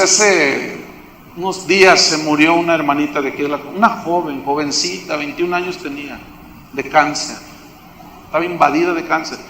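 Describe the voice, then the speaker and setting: Mexican man preaching, high voice, bright and sharp, rhetorical questions, loud then hushed, echoey church hall with long reverb. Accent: Mexican Spanish. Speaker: pastor. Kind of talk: sermon.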